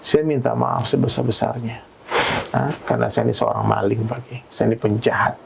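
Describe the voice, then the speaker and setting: A man voicing a young male thief who confesses tearfully and pleads slowly. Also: medium pitch, little pitch movement, gravelly, slight background noise. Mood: remorseful.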